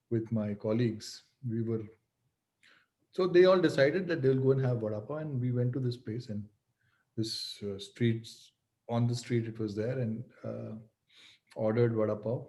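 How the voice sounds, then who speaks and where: A man's voice: medium pitch, mellow. A man hosting a casual interview, chatty, with many restarts and laughs. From India. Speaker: podcast host.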